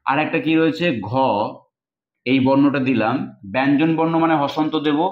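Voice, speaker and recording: A man's voice: on the high side, steady tone, moderate pace. A male teacher giving an exam-prep lesson, explaining step by step and asking and answering his own questions. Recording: echoey, dull lo-fi room sound.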